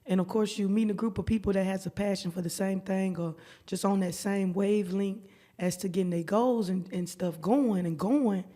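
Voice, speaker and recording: Lively storytelling woman. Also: mid-range voice, normal speed. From Alabama, US. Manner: lively storyteller, slangy, acts out dialogue. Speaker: guest private chef. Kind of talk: casual podcast chat.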